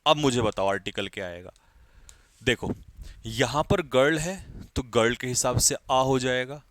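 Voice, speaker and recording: A man's voice: medium pitch, fairly bright tone, dry recording. A man teaching an English grammar lesson to exam students, calling out examples and quizzing the class.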